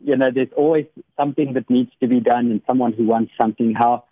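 A man's voice: mid-range voice, fairly even intonation, fast talker, husky, no room sound. A man, an academic, speaking as a regular guest on a radio devotional slot. He tells a story with many small restarts and laughs easily. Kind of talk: warm conversational devotional reflection. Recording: dry, phone-like radio line.

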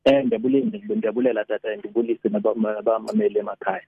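A man with a South African Xhosa accent on a phone-like line, informally explaining religious teaching as a guest, halting and repeating phrases while switching between two languages. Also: on the low side, fairly even intonation, vocal fry, breathy edge, dry recording. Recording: narrow tinny phone-like line.

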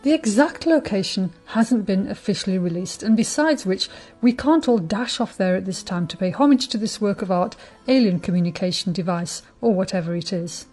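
A woman hosting a short radio segment on astronomy, telling it in a wry, measured way. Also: mid-range voice, lively intonation, darkish tone, soft background music. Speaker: radio host. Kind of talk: scripted radio talk on astronomy.

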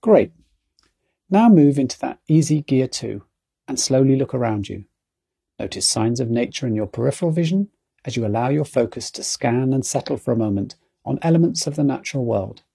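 Husky, mellow man guiding mindfulness. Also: medium pitch, animated, fairly quick. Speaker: guided mindful walking and jogging coach. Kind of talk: calm guided mindfulness exercise narration.

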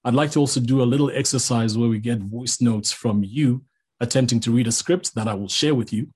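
A man from Zambia leads a master class on voice work in an easy, talkative manner. His voice is slightly husky and sits at an ordinary middle pitch. He pokes gentle fun at himself as he goes. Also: brisk. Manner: relaxed, chatty, self-deprecating. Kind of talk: conversational lecture.

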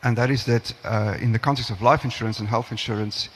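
A man in the audience asking two questions at a conference in a formal, deliberate way. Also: medium pitch, steady tone, a bit bright, breathy edge. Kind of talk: question from the floor. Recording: long hall reverb.

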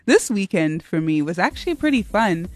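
A young adult woman co-hosts a radio show from the studio, chatting in a casual, bubbly way and rambling with filler words. Her voice is fairly low, very animated, and moderately paced, with a faint music bed behind her.

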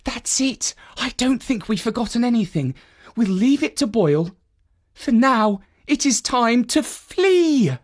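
A wise young maidservant , as a man narrating a storybook puts her on, speaks in a high, lilting voice. She explains each step slowly and deliberately, with lively pitch. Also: exaggerated voice. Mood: hushed urgent. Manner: measured, instructive, a little sarcastic. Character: wise, calm young woman servant with magic. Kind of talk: storybook read-aloud.

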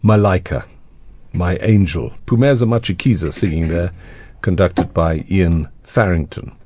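A man hosting a radio interview, asking his guests questions in a relaxed, conversational way. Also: sits low, measured pace, no echo. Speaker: radio show host.

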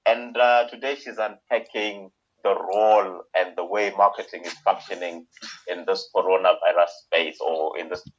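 A man hosting a podcast conversationally, with a husky, rough-edged voice. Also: low voice, fairly even intonation, normal speed. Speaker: podcast host. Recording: dull lo-fi remote call audio.

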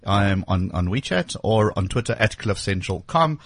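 A man hosts a tech radio show, talking with quick eager energy and plenty of "you know" and "um". His voice sits low with a husky edge. The studio sound is dry and close. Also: animated, no echo. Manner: enthusiastic, quick, filler-heavy. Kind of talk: casual radio chat.

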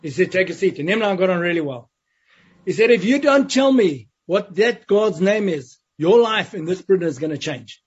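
A man's voice: sits high, expressive, moderate pace, slightly rough. A man recounting his time in prison as an interview guest, telling it vividly and acting out the voices of others. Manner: vivid storytelling, acts out quoted voices. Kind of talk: storytelling in an interview. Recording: dull lo-fi sound.

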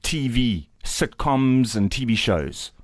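A man's voice: medium pitch, lively intonation, takes it slowly, no room sound, clean studio sound. A South African man hosting a casual live radio game show in a jokey, chatty way. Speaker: radio breakfast show host.

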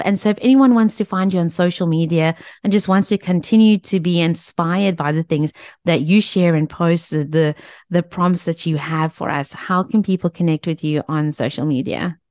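A woman's voice: fairly low pitch, darkish tone, no room sound, clean studio sound. A woman hosting a radio interview, talking in an effusive, chatty way with many fillers and restarts. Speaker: radio host. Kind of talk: casual radio interview chat.

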